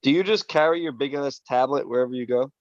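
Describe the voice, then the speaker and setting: A man's voice: mid-range voice, quick pace, dry recording, highs cut off. A man in casual chat, bluntly ribbing his friends with crude jokes.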